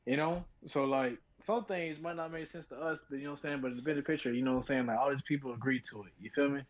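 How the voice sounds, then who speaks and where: A man's voice: mid-range voice, steady tone, racing, highs cut off. A man co-hosting a podcast, talking casually and loosely, constantly checking in with his listener. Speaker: podcast co-host. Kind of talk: casual chat.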